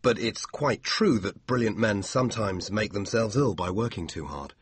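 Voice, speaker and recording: A man voicing a sincere, devoted young man, speaking slowly and earnestly. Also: on the low side, breathy edge, dry recording, voice pushed up.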